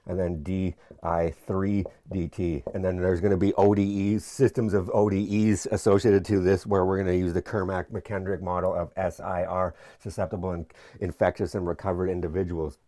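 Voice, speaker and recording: A man's voice: deep voice, flat delivery, normal speed, dark tone. A young man explaining his PhD research in an informal whiteboard lecture, chatty and jokey, often restarting his sentences. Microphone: camera mic.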